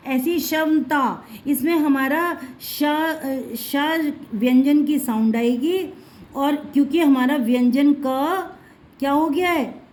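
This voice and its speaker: A woman's voice: sits high, slow pace, darkish tone. A woman teaching Hindi letters to children, patiently repeating each sound and mixing in words.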